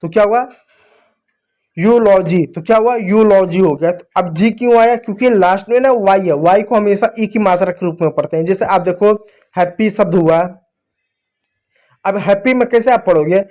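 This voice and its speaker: A man with a high voice gives a phonics lesson to children. He asks and answers his own questions and slows down as he spells out each letter. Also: warm tone. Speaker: English reading teacher.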